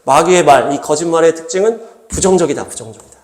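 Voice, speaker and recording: Man, pastor preaching a sermon, high voice, roomy echo, emphatic, acts out dialogue. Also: expressive, fast. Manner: emphatic, repetitive phrasing. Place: church worship hall.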